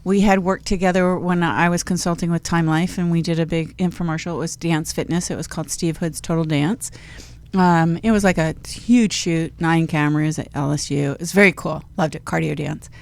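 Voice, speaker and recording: A woman's voice: deep voice, fairly even intonation, fairly quick, darkish tone. A woman hosting a radio talk show in a studio, chatting casually and rambling with light jokes. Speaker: show host. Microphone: studio mic with headphones.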